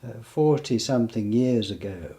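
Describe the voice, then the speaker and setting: A man interviewing a guest, halting and searching for his words. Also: mid-range voice, lively intonation, dark tone.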